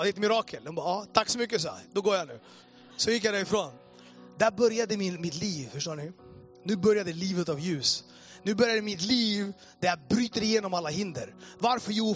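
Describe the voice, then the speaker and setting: A middle-aged man telling his testimony as a sermon, acting out past conversations with swings between loud bursts and quiet asides. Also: high voice. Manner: storytelling, reenacts conversations with a quoting "jag bara"; passionate, rises and drops sharply in loudness. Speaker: preacher giving his testimony.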